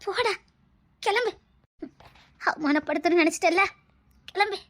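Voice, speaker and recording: A woman's voice: very high-pitched, moderate pace. A woman voicing a stern, grieving mother who scolds her grown son in a dubbed serial drama. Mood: dismissive. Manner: scolding, dismissive.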